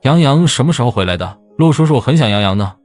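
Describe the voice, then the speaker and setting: A man's voice: medium pitch, animated, fast talker, a little mellow, faint music behind, close to an everyday voice. An actor playing a kind, injured man who talks to a child in a reassuring way.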